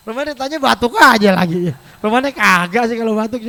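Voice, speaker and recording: A man's voice: extremely high pitch, sing-song, moderate pace, vocal fry, pushed and bright. A middle-aged man giving an informal religious lecture in a mosque, chatty and joking, acting out quoted voices. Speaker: preacher. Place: large mosque hall. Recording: long mosque hall reverb.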